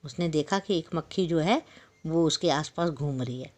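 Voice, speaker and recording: A woman's voice: low-pitched, normal speed, darkish tone. A woman teacher telling a story to young children, stopping to explain words and ask the class questions. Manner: explains and retells each line, asks the class questions. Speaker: school teacher.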